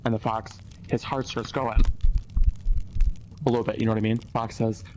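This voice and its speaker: A man's voice: medium pitch, level tone, moderate pace, background noise. A man hosting a comedy show, telling a silly story in a goofy, mock-dramatic way. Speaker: host. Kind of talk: joking storytelling.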